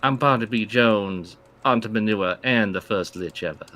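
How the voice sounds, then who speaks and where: A man's voice: fairly low pitch, a little slow, a bit bright. A man voicing a suave, gloating mustache-twirling villain in a tabletop game, taunting and theatrical, with music behind him. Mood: boastful, gloating.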